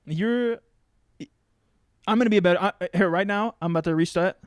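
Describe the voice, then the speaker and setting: A man's voice: sits high, clear, resonant tone, dry recording, clean studio sound. A young man as a podcast guest in casual chat, easygoing and agreeable. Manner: easygoing, agreeable, quick to laugh.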